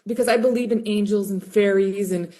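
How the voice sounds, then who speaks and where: A woman's voice: mid-range voice, steady tone, a little fast, warm tone. A woman teacher on a video call, talking in a rambling, raw and heartfelt way. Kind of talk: emotional casual chat.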